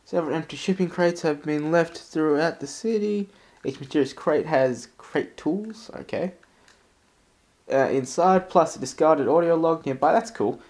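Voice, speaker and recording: A man's voice: fairly high pitch, moderate pace, darkish tone. A man hosting casual gameplay commentary in a sweary, self-deprecating way. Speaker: gaming host.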